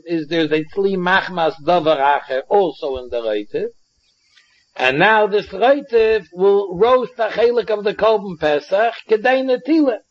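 Man with Yiddish accent, halting Talmud lesson. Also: high voice. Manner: halting, repetitive, restating phrases as he explains. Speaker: Talmud teacher. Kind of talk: religious text lesson, explaining line by line. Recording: dull, muffled lo-fi recording.

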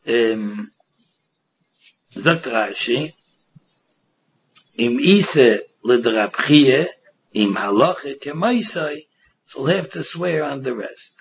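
A man's voice: medium pitch, slightly rough. A man with a Yiddish-inflected accent giving an informal Talmud lesson, reading and explaining in a sing-song, repetitive way with rhetorical questions. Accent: Yiddish-inflected English. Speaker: religious teacher giving a Talmud class. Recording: dull, muffled lo-fi recording.

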